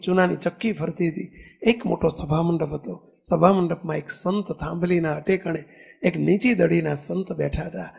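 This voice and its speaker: A man's voice: high voice, gravelly, a little mellow, slightly rough. A man preaching a sermon, telling a story with emphatic delivery and acted-out cries and dialogue.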